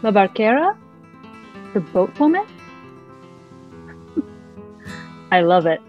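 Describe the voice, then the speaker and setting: Woman playing an eager, bold recruit, very animated. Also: medium pitch, very slow, highs cut off, faint music behind. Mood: intrigued, delighted. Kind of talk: audio drama acting.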